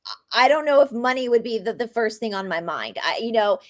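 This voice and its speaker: Female interview host, slightly high voice, brief affirmations, pointed questions. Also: lively intonation, a little fast. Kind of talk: video-call interview.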